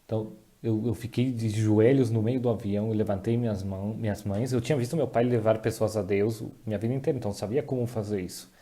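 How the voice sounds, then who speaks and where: A man giving a dubbed voice-over of a personal testimony, talking in a halting way with restarts and self-corrections. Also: fairly low pitch, steady tone, mellow. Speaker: voice-over interpreter dubbing a testimony.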